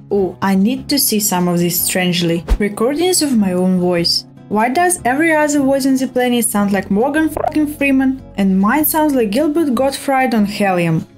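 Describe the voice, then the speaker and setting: A woman reading out online posts as scripted narration, in an even, matter-of-fact way, with phrase endings that drop low. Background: faint background music.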